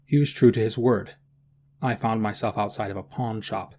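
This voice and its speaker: A man's voice: fairly low pitch, fairly even intonation, moderate pace, warm tone, slight background noise, natural voice. A man playing a desperate, shaken deaf author who pleads and narrates his ordeal.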